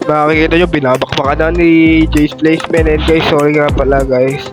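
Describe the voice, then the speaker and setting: A man's voice: a little high, level tone, moderate pace. A young man with a stuffy nose and sore throat from a cold, giving chatty, casual gameplay commentary and calling out to his viewers. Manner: chatty, keeps addressing viewers as "men" and "guys". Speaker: gaming YouTuber. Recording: background music under the voice.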